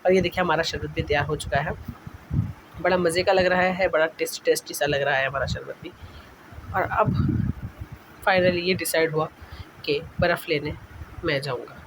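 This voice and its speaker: A man's voice: a little high, steady tone, moderate pace, long pauses. A young man narrating his home vlog in a casual voice-over, chatty and rambling, often correcting himself mid-sentence. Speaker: vlogger. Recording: noisy voice-over recording.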